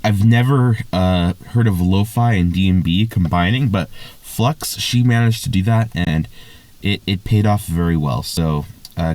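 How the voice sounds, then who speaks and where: A man with a somewhat low voice talks casually and eagerly, piling on praise. He stumbles and restarts often and fills pauses with "uh" and "like". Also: a little mellow, no room sound. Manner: enthusiastic, gushing praise with many fillers and restarts. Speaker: music reviewer. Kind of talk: casual spoken album review.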